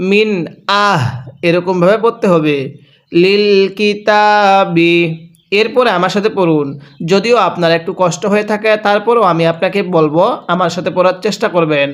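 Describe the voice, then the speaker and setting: A man teaching a Quran reading lesson, drawing out recited words slowly and then explaining quickly, patiently asking the listener to read along with him. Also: high voice. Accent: Bangladeshi Bengali. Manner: slow drawn-out chanted recitation alternating with quick spoken explanations; patient and instructive, repeatedly prompting the student to read along. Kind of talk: Quran reading lesson, slow recitation with repeat-after-me drills.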